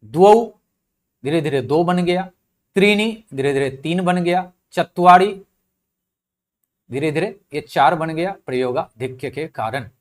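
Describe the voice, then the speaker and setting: A middle-aged man giving a classroom lecture on Sanskrit linguistics. He explains in a step-by-step way, repeats key words, asks rhetorical questions and stresses each example word loudly before dropping his voice. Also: fairly high pitch, moderate pace. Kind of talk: classroom lecture in Hindi with English terms.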